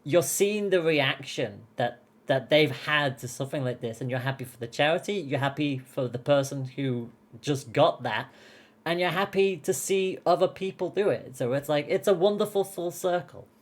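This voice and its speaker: A woman's voice: sits low, normal speed. A woman hosting a casual podcast chat, talking openly and emotionally and laughing often. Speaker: podcast host and esports caster.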